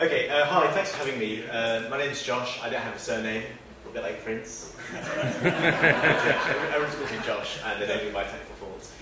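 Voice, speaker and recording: A man not from northern England presents informally in an event room, joking at his own expense and restarting often amid fillers. His medium-pitched voice moves at normal speed, recorded from a distance with a crowd in the background, in a very echoey room with faint noise.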